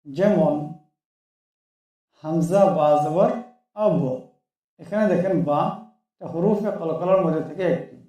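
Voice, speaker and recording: A man teaching Quran reading, calmly explaining the letters and repeating each syllable slowly for practice. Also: on the high side, heavy reverb, far from the mic, muffled recording. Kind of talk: slow step-by-step lesson.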